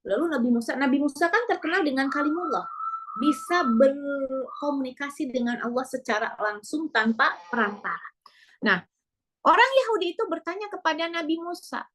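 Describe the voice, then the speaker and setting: Woman preacher, high voice, animated storytelling, rhetorical questions. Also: normal speed. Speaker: female preacher. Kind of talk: sermon storytelling.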